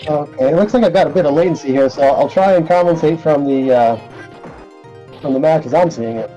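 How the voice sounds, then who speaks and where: A man's voice: on the high side, dark tone, soft background music. A man commentating live on a game, his voice muffled as if speaking underwater in a tube while he sorts out his mic. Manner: hurried, sorting out his mic setup. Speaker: esports commentator joining late. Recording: muffled, dull, distant stream mic.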